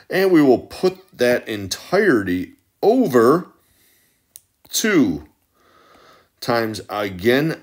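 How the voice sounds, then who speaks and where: A man teaching math as a voice-over, walking methodically through each step out loud. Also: lowish voice. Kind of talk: step-by-step tutorial narration.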